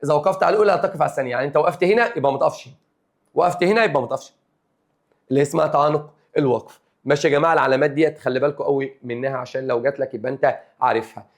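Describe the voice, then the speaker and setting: A young man with an Egyptian Arabic accent teaching an exam review lesson, drilling rules over and over and quizzing his students. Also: a little high. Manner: rapid, repetitive drilling with questions to students.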